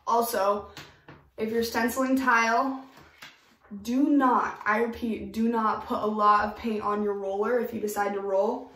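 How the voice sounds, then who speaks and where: A woman's voice: a little high, fairly even intonation, a little slow, a bit bright, roomy sound, recorded from a distance. A young woman giving casual, emphatic DIY tips in a home bathroom, recorded by a camera in front of her. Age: young adult. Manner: chatty, emphatic, upbeat. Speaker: DIY vlogger.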